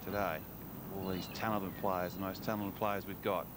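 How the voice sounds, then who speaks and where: Man, lowish voice, golf commentator, conversational analysis, short admiring remarks, loud outdoor noise. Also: little pitch movement, moderate pace. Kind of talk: conversational live sports commentary.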